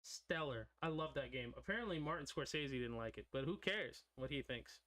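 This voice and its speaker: A man's voice: medium pitch, expressive, brisk, fairly bright tone. A young man streaming while he draws, chatting casually and drifting into side stories. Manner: rambling, digressive storytelling. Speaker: streamer drawing a character.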